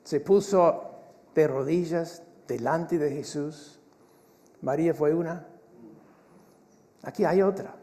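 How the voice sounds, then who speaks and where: A man's voice: a little high, slow, long pauses, mellow, long reverb tail. A man preaching a sermon as pastor, earnest, often restarting and repeating words. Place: church hall.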